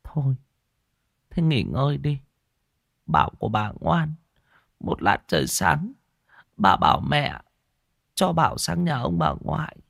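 A man voicing a frantic old grandmother with a shrill, high, strained voice in a narrated ghost story. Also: very animated, unhurried, vocal fry, pauses often, a bit bright, no room sound, clean studio sound, exaggerated voice. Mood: tender.

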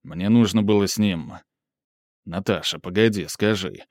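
A man reading aloud and voicing a brooding, quick-tempered young man, low and intense. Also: dry recording, clean studio sound.

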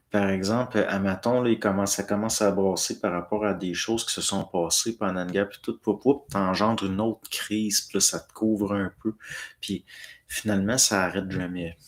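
A man with a Quebec French accent, rambling casually as he answers viewers and tacks a drawled "là" onto his phrases. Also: lowish voice. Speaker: host.

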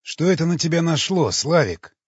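A man reading an audiobook, voicing a cynical, mocking cannibal who teases and calmly questions. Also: fairly high pitch, moderate pace, breathy edge, no echo, voice pushed up. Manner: sardonic, teasing, calmly questioning. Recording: dull lo-fi recording.

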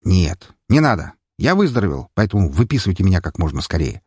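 A rude, commanding young hero, as a man puts him on, talking in clipped orders. His voice is low and husky, recorded dry and close, as in an audiobook. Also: very animated, fast, a little mellow, dry recording, heavily acted. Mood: curt. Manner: curt, barking orders.

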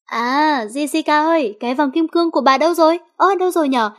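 A playful schemer of a teenage girl , as a woman reader puts her on, teasing her friends with mock alarm. Her voice sits a little high. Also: brisk, close to an everyday voice.

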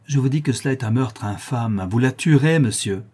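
A man's voice: mid-range voice, lively intonation, moderate pace, warm tone, husky. A man voicing an indignant elderly nobleman who fiercely protects a sick girl, speaking in an impassioned, pleading way.

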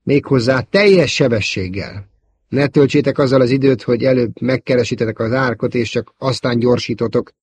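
A man voicing a bold young male rebel fighter pilot who shouts urgent commands. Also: mid-range voice, slightly rough, no room sound, pitched above the performer's own voice, lightly acted. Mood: urgent commanding.

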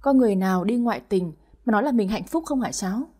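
A woman voicing an older wife who answers calmly and firmly, with a husky voice. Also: medium pitch, close to an everyday voice. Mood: calm reproach. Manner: calm, measured, firmly reproachful. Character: older wife, calm, firm and reproachful.

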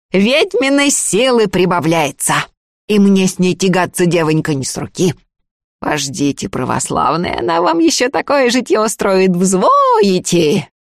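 Woman doing a sly male sorcerer, stern slow commands, audiobook figure, dry recording. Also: on the low side, lively intonation, no echo. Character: one-eyed male village sorcerer, sly, gruff.

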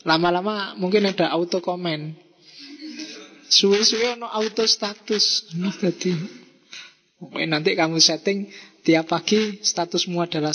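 A man with a Javanese accent giving a lively philosophy lecture to students, mixing in Javanese phrases and acting out quoted messages. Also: high voice. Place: mosque hall. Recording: reverberant hall.

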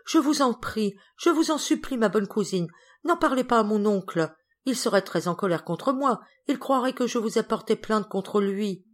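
A woman's voice: mid-range voice, lively intonation, moderate pace, a little mellow, lightly acted. A woman voicing an eager, timid little girl who speaks in a pleading way in a storybook reading.

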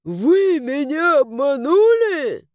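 A woman reading an audiobook, voicing the proud, indignant ghost of a human duke in a raised, loud, emphatic voice. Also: fairly high pitch, animated, moderate pace, no room sound, studio quality, close to an everyday voice.

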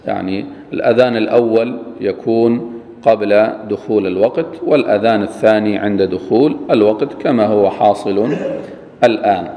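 A man teaching Islamic law, reading a line of text slowly and then explaining it plainly. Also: on the low side, dark tone, long reverb tail. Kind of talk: recorded lecture explaining a text.

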